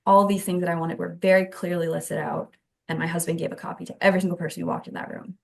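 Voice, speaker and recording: A woman's voice: fairly low pitch, level tone, fast, gravelly. A woman in her thirties earnestly telling her own birth story as a podcast guest, in detail. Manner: earnest and detailed, with some restarts. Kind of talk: conversational storytelling.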